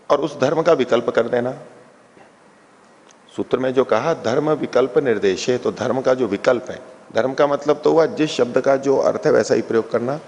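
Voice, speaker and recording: Gravelly man teaching in an echoing hall. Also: mid-range voice, a little mellow. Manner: patient, repeats and unpacks each term. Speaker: scripture teacher. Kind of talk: explanatory lecture on a philosophy text.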